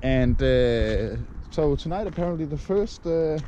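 A man's voice: on the high side, animated, a little slow, mellow, dull audio, slight background noise. A man from Denmark in his thirties, talking casually to a camera held at arm's length outdoors, rambling with lots of fillers. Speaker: vlogger. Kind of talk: casual vlog talk to camera. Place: outdoors on a chilly morning.

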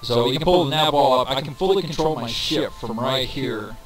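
A relaxed man talks through a game step by step, dropping fillers and counting numbers aloud in a mid-range voice. His cheap microphone adds a reverb to every word. A crowd hum sits in the background. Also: mid-range voice, a little fast. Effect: reverb on the voice from a poor microphone. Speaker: gameplay tutorial narrator. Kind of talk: casual walkthrough commentary. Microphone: cheap desk microphone. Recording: reverby mic with crowd noise behind.

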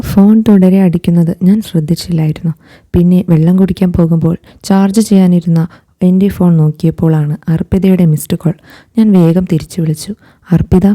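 A woman narrating a first-person story in a calm, even reading. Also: on the low side.

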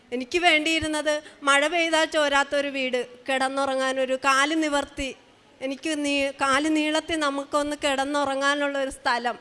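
Middle-aged woman, high voice, halting emotional personal testimony, long hall echo. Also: a bit bright. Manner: halting, emotional, with many restarts. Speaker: mother giving a testimony.

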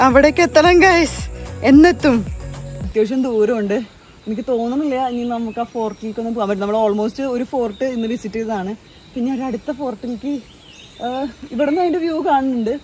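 A woman's voice: fairly high pitch, a little mellow, poor audio. A young woman, narrating a casual travel vlog on a forest trail and talking to viewers as guys. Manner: chatty, mixes in English phrases, addresses viewers as guys. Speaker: travel vlogger. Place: outdoors on a forest trail by a waterfall. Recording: background music under the voice.

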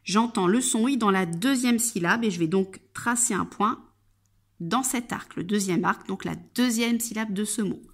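A woman kindergarten teacher giving an instructional video lesson for young children, speaking to the child directly, articulating clearly and sounding out words syllable by syllable. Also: medium pitch, moderate pace. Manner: addresses the child directly and patiently.

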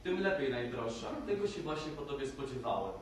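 A man's voice: mid-range voice, expressive, brisk, a little hiss or hum, natural voice. A man playing prim, offended young Paweł. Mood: earnest. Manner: indignant, theatrical outbursts. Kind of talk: amateur stage acting. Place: theatre stage. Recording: echoey hall, far from the mic.

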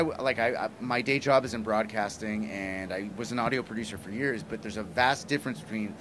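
With a mid-range voice, a middle-aged man, a comic writer and broadcaster, gives an enthusiastic, effusive guest interview into a handheld mic held toward him. He's in a small plywood-walled booth at a convention, where clear room noise and convention ambience sit in the background.

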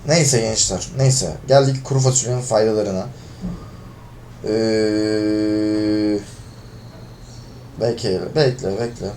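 A man's voice: fairly low pitch, steady tone, slow pace, long pauses, slight background noise. A man commentating his own gameplay, getting frustrated and swearing at his teammates. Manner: frustrated, swearing, shouts when losing. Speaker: gaming video creator.

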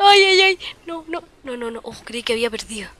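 A woman with a Chilean accent giving live, excitable commentary over her own gameplay, cursing and yelling at the game. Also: a little high, brisk, slight background noise. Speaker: gaming video creator.

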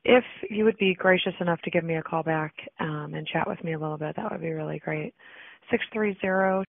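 A woman's voice: sits low, brisk, vocal fry, no room sound. A woman leaving a polite, hesitant voicemail message, played back over a phone line. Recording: tinny dry phone line.

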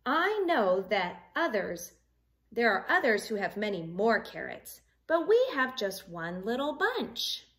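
In her living room, a woman in her thirties with a medium-pitched voice reads a picture book to children the way a teacher would. Her storytelling is expressive and sing-song, and she stops now and then to ask the young listeners simple math questions.

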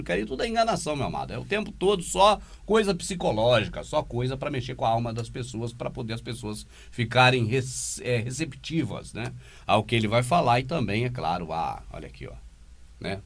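A man's voice: medium pitch, big pitch swings, fairly quick, gravelly, a bit bright. Man, scornful commentary, voice rising and falling widely. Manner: emphatic and scornful. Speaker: religious commentator. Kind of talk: commentary over a played sermon.

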